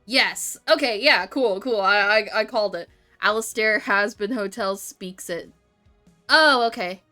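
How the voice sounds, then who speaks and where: A woman's voice: medium pitch, a little slow, sharp tone, soft background music. A woman streamer chatting casually with her viewers, reading chat aloud, joking and laughing often.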